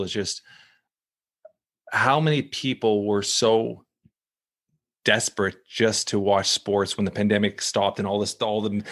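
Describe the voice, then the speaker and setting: A man hosting a podcast in casual conversation, eager and asking quick follow-up questions. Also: fairly low pitch, fairly bright tone. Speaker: podcast host.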